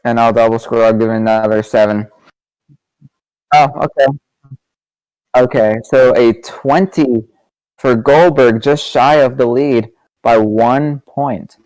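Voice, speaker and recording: A man at an average pitch does laid-back color commentary on a monster truck event. He talks loosely, peppers his remarks with casual fillers, and hands out judge's scores. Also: slow pace, pauses often, clear, resonant tone, no room sound. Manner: relaxed, easygoing, says "you know" often.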